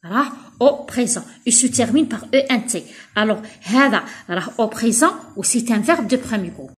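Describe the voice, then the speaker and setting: A woman with an Algerian Arabic accent records a school revision lesson in a fairly high voice. She explains each point in dialect, then slows right down to dictate French sentences and spell endings one letter at a time. Her delivery is patient and methodical, like a primary teacher at the board. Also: expressive.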